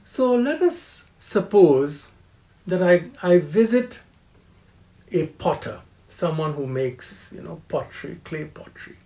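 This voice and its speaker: An older male professor gives a lecture on scripture at an unhurried, measured pace. His voice sits a little high for a man, and he repeats key phrases, chants verses and poses rhetorical questions to his listeners. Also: big pitch swings. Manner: occasional soft laughs, asks rhetorical questions.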